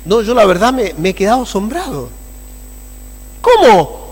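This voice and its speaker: A man preaching a sermon as pastor, animated and repeatedly asking the congregation for agreement. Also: high-pitched, normal speed, breathy edge. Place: church. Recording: long church-hall reverb.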